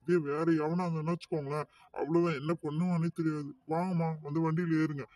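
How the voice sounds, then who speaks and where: A suspicious, grumbling middle-aged bus driver who scolds and lectures, as a man voices him for a cartoon. His voice sits a little high and is caught from slightly off mic. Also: little pitch movement, fast, darkish tone, dry recording, far from the mic, natural voice. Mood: grudging. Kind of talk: cartoon voice acting.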